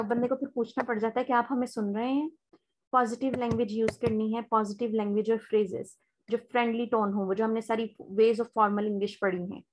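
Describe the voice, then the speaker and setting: Pakistani woman teaching an online class. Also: on the high side. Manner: explains step by step, switches to slow polite English for sample phone lines.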